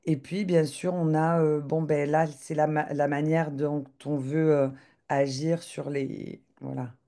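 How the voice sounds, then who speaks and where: This woman's voice is low and level, her pace a little slow, as she demos software live over a video call. Her delivery halts often, with many fillers and false starts.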